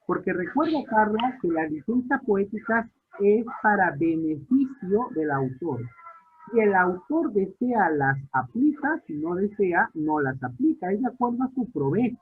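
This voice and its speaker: A man's voice: high voice, sing-song, unhurried, breathy edge. Teacher quizzing his class over a tinny line. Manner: questioning students, repeating key points. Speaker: literature teacher. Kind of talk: online class lecture. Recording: tinny phone-like audio line.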